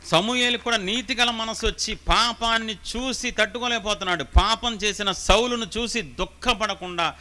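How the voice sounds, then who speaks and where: A man's voice: high-pitched, normal speed, pushed and bright. A male pastor, preaching a live sermon at a church meeting. He stresses points with rhetorical questions and repeated phrases.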